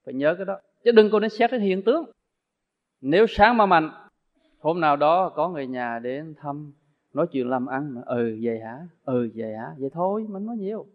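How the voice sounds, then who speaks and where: A man giving a Buddhist dharma talk as a monk teacher, animated and acting out everyday dialogues. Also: on the high side, moderate pace. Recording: echoey hall, dull lo-fi sound.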